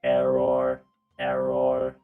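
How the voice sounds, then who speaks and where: A man's voice: extremely low pitch, monotone, drawn-out words, phone-quality sound, faint music behind, full character voice. A man voicing a malfunctioning robot drone, a glitching machine that keeps repeating error messages in a tabletop game.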